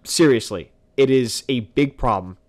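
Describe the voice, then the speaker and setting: A young male gamer hosts casual let's-play commentary in a medium-pitched voice at normal speed. He jokes around and pokes fun at himself.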